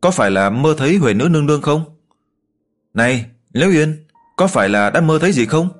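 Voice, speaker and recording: A man's voice: fairly high pitch, lively intonation, fairly quick, faint music behind, voice pushed up. Man doing a playful young woman. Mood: curious.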